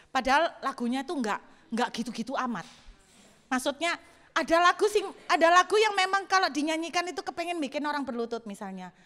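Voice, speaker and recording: A woman pastor, preaching a sermon as an animated story with acted-out dialogue. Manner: animated storytelling, acts out dialogue, laughs, bursts into high exclamations. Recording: long hall reverb.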